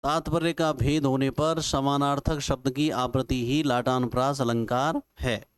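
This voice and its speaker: Slow-dictating teacher, clear voice. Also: male voice, mid-range voice, steady tone. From Rajasthan, India. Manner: slow, repetitive dictation with folksy examples. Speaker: Sanskrit teacher. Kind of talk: classroom lecture, dictating notes.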